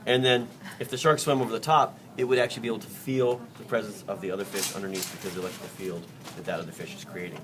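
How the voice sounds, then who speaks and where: A man's voice: lowish voice, fairly even intonation, racing, hardly any pauses. A man teaching a biology class during a dissection, joking and quizzing his students. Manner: jokey, chatty, quizzes the class. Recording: distant mic in a noisy classroom.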